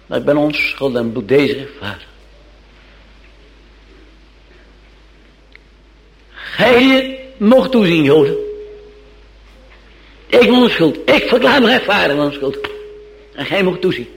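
Man doing a high, declaiming Roman governor, defensive and insistent, gravelly, drawn out. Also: sing-song, unhurried, long pauses, a little hiss or hum, full character voice, low-quality recording. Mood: defiant. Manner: declaiming, insistent, repeats himself. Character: Roman governor protesting his innocence, defensive.

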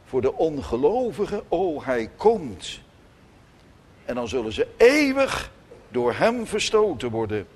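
Slow, emphatic preacher. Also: male voice, fairly high pitch. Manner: emphatic preaching, rising to loud declarations and dropping to soft asides. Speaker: pastor. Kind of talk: sermon. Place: church.

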